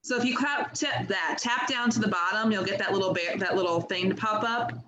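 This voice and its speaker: A mid-pitched, giggly voice walks others through app settings on a group video call. Several voices chatter loudly around it. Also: fairly quick, poor audio. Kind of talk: casual video-call chat.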